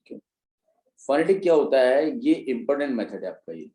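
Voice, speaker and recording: A male teacher lectures an exam-prep class with terms. His voice is mellow and dark, and he checks in with his students as he explains each step. The sound carries the echo of a bare room. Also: mid-range voice, very animated, a little fast.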